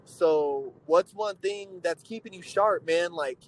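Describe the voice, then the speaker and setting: A man hosting a casual interview, talking in an excited, slang-heavy way full of filler phrases. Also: sits high, slow pace, slight background noise, low-quality recording. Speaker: interviewer, host.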